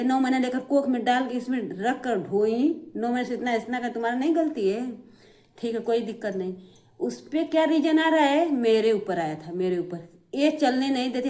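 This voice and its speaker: A woman's voice: a little high, dark tone. Aggrieved middle-aged woman vlogger. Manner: aggrieved, repetitive, addresses viewers directly. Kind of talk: emotional family complaint to camera.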